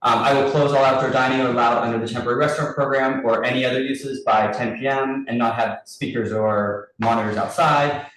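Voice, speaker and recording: Over a group video call, a committee chair runs a public meeting, reading out license terms and running a vote in a brisk, businesslike manner with small restarts as he reads lists. His middle-pitched voice is fairly bright with fairly even intonation, picked up by a distant mic in a very echoey room with faint noise underneath.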